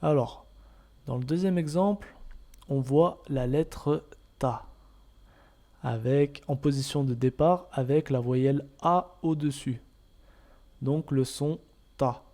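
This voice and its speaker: Male teacher, slow patient delivery, mellow dark tone, walks learners through each example. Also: mid-range voice. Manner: patient, repeats each point, models sounds. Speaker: Arabic reading teacher. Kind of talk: step-by-step lesson narration.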